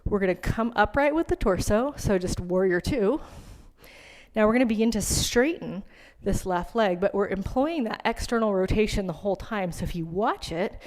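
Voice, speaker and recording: A woman's voice: medium pitch, expressive, moderate pace, darkish tone. A woman teaching a yoga class, giving casual, chatty cues and asides while breathing hard. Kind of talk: guided yoga class instruction.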